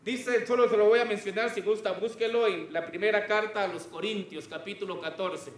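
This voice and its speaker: A man's voice: sits high, fairly even intonation, brisk, reverberant. A man preaching a sermon to a congregation, often stopping to ask them questions.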